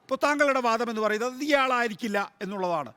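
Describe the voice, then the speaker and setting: A man's voice: very high-pitched, animated, fast talker, pushed and bright, clear, resonant tone, no room sound. A man with a Malayali accent moderating a live TV news debate, cutting in and pressing guests to let him finish. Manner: cuts in, presses guests to listen.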